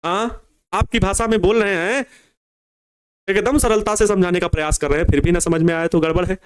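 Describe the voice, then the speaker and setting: A young man teaches a physics crash course for board exams, and his voice sits unusually high. He dictates answers phrase by phrase, going back over each bit slowly, and breaks in with friendly asides to his students. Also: smooth. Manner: casual asides calling students babua and babu.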